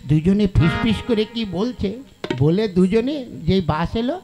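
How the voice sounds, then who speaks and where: A man's voice: high-pitched, lively intonation, moderate pace. A man voicing a mischievous schoolboy in a folk puppet show, who schemes and fakes sing-song sobbing. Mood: whining tattling. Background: tabla and folk music.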